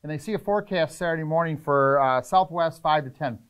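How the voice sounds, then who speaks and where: Animated middle-aged man explaining fishing plans. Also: fairly high pitch, smooth. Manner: energetic, gestures a lot, lists points rapidly. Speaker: fishing charter captain, guest. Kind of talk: casual explanatory interview talk. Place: fishing tackle shop room, indoors.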